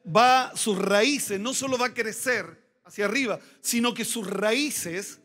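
A man preaching a sermon as pastor, emphatic and repeating key phrases, slowing down to stress words. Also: high-pitched, pushed and bright.

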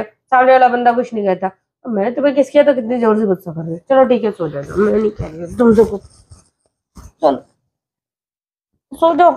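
A woman's voice: sits high, darkish tone. A young woman in a home prank video, scolding her husband in an exasperated, casual way. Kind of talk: casual couple banter.

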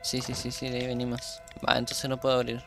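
Creaky young man rambling over gameplay. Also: mid-range voice, monotone, quick pace, soft background music. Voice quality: trouble pronouncing the R sound. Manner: chatty, rambling, trails off and restarts. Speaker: gaming YouTuber. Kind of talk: casual horror-game commentary.

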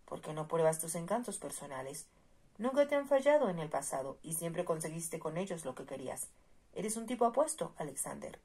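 A woman's voice: on the low side, very animated, a little fast, mellow, husky, heavily acted. A woman reading the lines of a worldly, persuasive male army captain in a storybook reading, with a coaxing, reasonable delivery.

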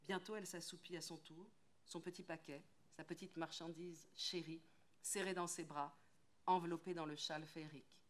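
A French actress reading a tale aloud, rhythmic and lilting, leaning on repeated phrases. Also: female voice, low voice, fairly even intonation, normal speed. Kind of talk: expressive literary reading.

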